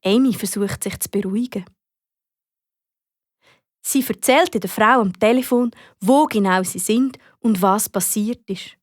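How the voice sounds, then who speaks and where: A woman with a Swiss German accent narrating a children's audiobook in a lively, expressive way. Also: mid-range voice, measured pace, pauses often, no room sound, clean studio sound. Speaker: storyteller.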